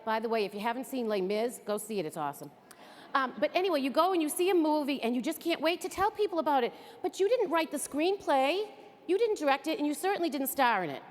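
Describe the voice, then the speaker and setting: Fast and animated, this high-voiced woman from Greater Boston keeps her training talk chatty and upbeat before an audience. The enthusiastic presentation is recorded in an echoing hall.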